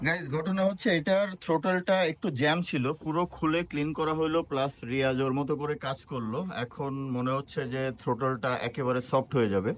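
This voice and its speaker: A man's voice: on the high side, steady tone, brisk, few pauses, slight background noise. Blunt Bangladeshi man vlogging outdoors. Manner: blunt and plain-spoken, mixes in English phrases. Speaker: motorcycle vlogger. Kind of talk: casual vlog talk. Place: outdoors on a city street.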